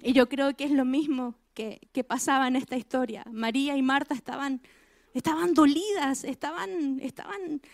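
A woman's voice: sits high, moderate pace, a little mellow, no echo, studio quality. A woman preaching a sermon, asking her listeners direct questions and repeating key phrases for emphasis.

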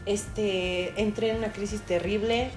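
Co-hosting a laid-back podcast, a young woman from Mexico animatedly recounts a dramatic episode from her life, using plenty of fillers and acting out shouted lines in her Mexican Spanish accent. Her mid-range voice moves a little slowly, and the room sounds spacious with music behind her.

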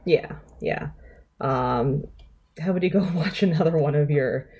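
A woman narrating her character's actions in a tabletop role-play, relaxed and giggly. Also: sits low, a little slow, slightly rough, dull audio. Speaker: player.

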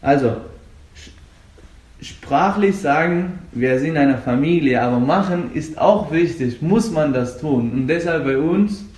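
A young man from Afghanistan, speaking German as a second language, talks earnestly about coaching jiu-jitsu, with halting restarts. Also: a little high, lively intonation, darkish tone. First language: not German. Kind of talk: casual interview. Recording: echoey room.

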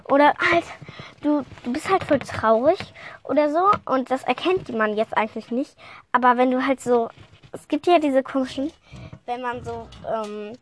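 A woman's voice: sits high, slight background noise. A woman chatting casually as a podcast host, hesitant and rambling, often apologizing and restarting her sentences. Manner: slow with many fillers and trailing off.

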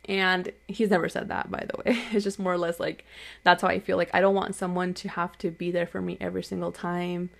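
A woman's voice: on the low side, level tone, brisk, vocal fry. A young adult woman hosting a solo podcast episode, candidly telling a personal story in casual, filler-heavy talk. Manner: candid, conversational, many "like" fillers. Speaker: podcast host.

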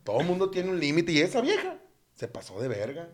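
A man's voice: a little high, huge pitch swings, brisk, crowd noise. A young man with a Mexican Spanish accent, throwing crude joking quips into a casual comedic chat. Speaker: podcast co-host.

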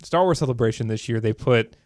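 A man co-hosting a casual podcast, talking fast and loose with lots of "like" and "you know". His voice sits in an ordinary middle pitch. The sound is dry and close, with no room around it. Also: dry recording. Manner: animated, filler-heavy geeky talk. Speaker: podcast co-host. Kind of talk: casual chat.

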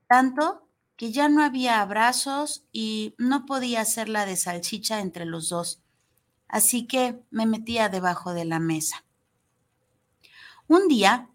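A woman reading a storybook aloud as a little girl, in a soft, gentle storytelling voice. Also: fairly high pitch. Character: little girl Nina, sad but gentle child.

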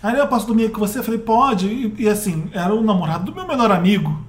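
A man hosting a podcast in casual chat, telling stories and reading letters aloud with lively acted-out dialogue. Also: high voice, fast. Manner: animated storyteller, acts out quoted dialogue. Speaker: podcast host. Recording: echoey room with faint background noise.

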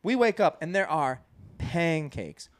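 A young man chatting on a podcast and spinning playful stories. His voice sits a little high. The mic sound is close and dry. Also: lively intonation, measured pace, dry recording. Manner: playful storyteller, does voices. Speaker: podcast co-host. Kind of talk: casual chat.

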